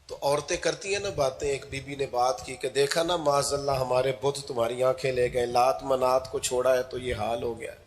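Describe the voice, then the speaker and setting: Guy preaching an emotional sermon, goes quiet for stories then loud and fired up. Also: fairly even intonation, few pauses, slight background noise. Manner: swings between soft storytelling and loud, high-pitched fervent climaxes.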